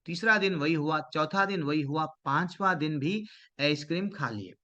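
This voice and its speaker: A man telling a devotional story to a gathering, animated and full of fillers and restarts. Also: fairly high pitch, normal speed, lo-fi sound. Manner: animated, acts out quoted voices, frequent fillers and restarts. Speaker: devotional storyteller addressing a congregation.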